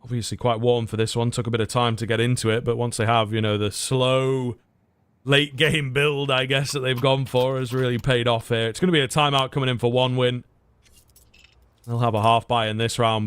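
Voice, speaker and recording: A man's voice: mid-range voice, a bit bright, clear, resonant tone, dry recording. A man giving live analysis and commentary on an esports match as a caster.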